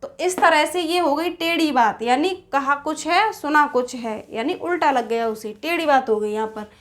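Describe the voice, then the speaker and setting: A woman teaching a Hindi grammar lesson for exam preparation. She explains step by step, poses questions and answers them herself, and recites couplets in a sing-song cadence. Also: high-pitched. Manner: explains slowly, asks and answers her own questions.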